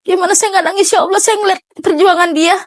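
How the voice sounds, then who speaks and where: A middle-aged woman telling a personal story in an interview, halting and emotional, with many restarts. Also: extremely high pitch, fairly even intonation, no echo. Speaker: interviewee, mother of a sick child.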